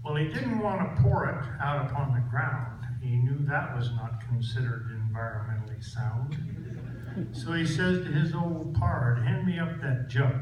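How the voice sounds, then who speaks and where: A man's voice: medium pitch, animated, normal speed. A man with a cowboy twang performs folksy tall-tale poetry at a live event. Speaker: cowboy poet. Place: echoey room, live event. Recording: echoey hall from far off, loud noise.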